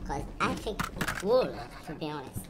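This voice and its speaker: A woman whose first language isn't English plays a game and comments casually, rambling, swearing and repeating phrases, her voice run through a voice changer. It comes out low, expressive and moderately paced, with loud game music and sounds playing behind her.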